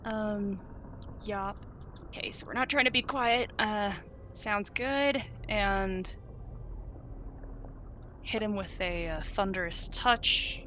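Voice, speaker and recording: A woman narrating as game master of a tabletop game, describing scenes in a measured way. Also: mid-range voice, pushed and bright, slight background noise.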